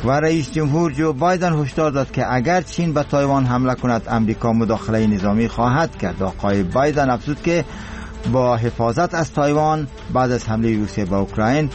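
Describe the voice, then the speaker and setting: A man's voice: mid-range voice, darkish tone, soft background music. A man with an Afghan accent reading scripted radio news in a solemn, formal manner. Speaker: radio newsreader.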